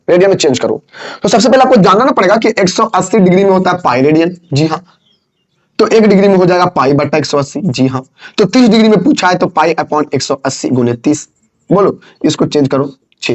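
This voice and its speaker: A man's voice: high voice, a little mellow. A man teaching physics, teasing and scolding his students and repeating phrases over and over. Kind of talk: classroom lesson. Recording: dull lo-fi sound.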